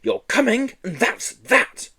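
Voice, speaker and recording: A man's voice: extremely high pitch, wildly swooping pitch, slow, bright, forceful tone, breathy edge, pitched above the performer's own voice, exaggerated voice. A man voicing a fierce schoolteacher woman who barks, bawls and sneers at her class. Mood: harsh barking. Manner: barking, bawling, sneering.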